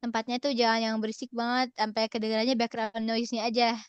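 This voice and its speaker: A woman's voice: fairly high pitch, level tone, fast talker, clear, resonant tone, no echo. A young woman presenting an online workshop from a relative's home in a casual, cheerful way, often laughing and slipping in English phrases. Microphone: video call.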